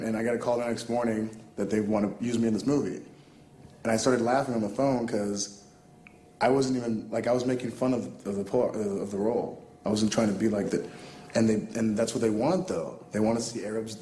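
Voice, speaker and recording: A man, a comedian and actor, telling a wry anecdote in a relaxed way. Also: fairly low pitch, roomy sound, a little hiss or hum. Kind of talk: interview storytelling.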